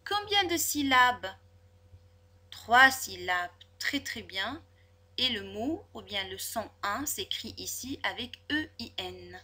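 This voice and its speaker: Slow breathy woman teaching spelling. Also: a little high, sing-song, pushed and bright. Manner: slow, over-articulated, syllable by syllable. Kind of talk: French spelling lesson for children.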